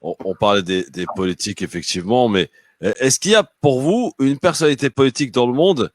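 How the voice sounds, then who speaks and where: A man co-hosting a live interview, asking long, measured questions. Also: medium pitch, dry recording, clean studio sound. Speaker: co-host.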